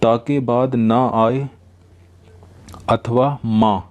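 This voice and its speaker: A man's voice: on the low side, a little mellow. Man repeating grammar rules patiently. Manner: explains slowly, repeats each rule. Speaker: teacher. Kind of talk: grammar lesson.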